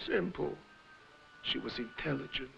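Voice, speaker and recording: A man's voice: medium pitch, lively intonation, measured pace, creaky. An actor playing a grandiose, fussy old flea circus showman in a film, pompous and pleading, with theatrical flourishes. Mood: pompous, philosophical. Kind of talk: old film dramatic acting. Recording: dull old film soundtrack, faint music.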